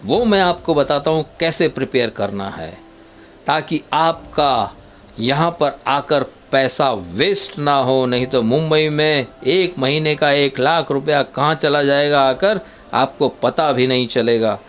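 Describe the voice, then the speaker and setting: A man giving viewers step-by-step acting advice in an unhurried, instructive way, often calling them friends. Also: mid-range voice, fairly bright tone, slight background noise. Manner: demonstrates dialect voices in short quotes. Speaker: travel vlogger giving acting tips.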